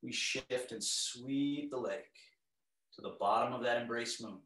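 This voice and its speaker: A middle-aged man with a mid-range voice teaches tai chi, calmly giving serene, step-by-step movement cues in a measured way. He is recorded in a home living area by a camera across the room, so the sound is echoey and distant.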